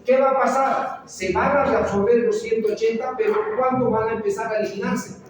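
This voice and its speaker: Recorded from a distance in an echoey hall with slight background noise, a woman doctor teaches medical students, mixing in clinical stories and often checking on her audience. Her voice sits on the high side, steady in tone and brisk.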